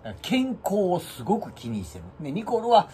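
A man's voice: high voice, a little fast, a little hiss or hum. A man with a Kansai accent hosting his own channel, chatting casually and acting out the quoted lines in his stories. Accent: Kansai Japanese. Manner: animated storyteller who acts out quoted lines. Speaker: channel host. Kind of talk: casual monologue about his pets.

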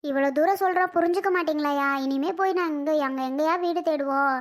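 A woman acting as a poor tenant who begs her landlord to lower the rent, pleading tearfully. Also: fast talker, natural voice. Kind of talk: village family skit.

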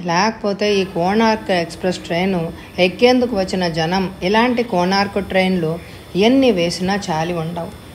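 A woman narrating an audiobook story with a measured, expressive reading. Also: on the low side, slight background noise.

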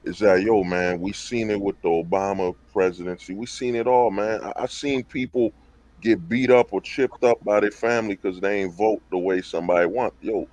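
A man's voice: on the low side, fairly even intonation, normal speed, a little mellow, dry recording. A man on a livestream panel talking casually and emphatically, full of slang and rhetorical questions over a call mic. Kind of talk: casual debate talk.

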